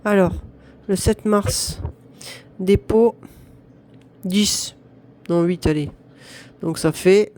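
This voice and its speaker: A woman's voice: medium pitch, drawn-out words, long pauses, mellow. A woman in her fifties from northern France, chatting to the camera and counting aloud as she does her budget, with a self-mocking manner. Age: 50s. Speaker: budget vlogger. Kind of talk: casual talk to camera while doing budget envelopes.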